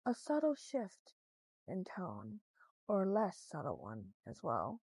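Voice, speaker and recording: Soft, slow-talking hypnotist woman. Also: on the low side, huge pitch swings, slightly rough, no room sound. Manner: switches between a slow, soft hypnotic voice and a cheerful everyday voice. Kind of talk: soothing hypnosis talk.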